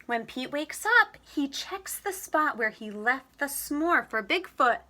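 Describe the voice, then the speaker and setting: A high-pitched woman reads a children's storybook out loud, shaping the story with expressive, carefully paced narration.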